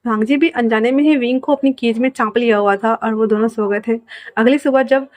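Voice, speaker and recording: A woman narrates fan fiction in a relaxed, chatty way. Her voice sits high for a woman. The sound is dry and close, with no room echo. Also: a little fast. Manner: casual, conversational narration. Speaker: storyteller. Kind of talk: reading fan fiction aloud.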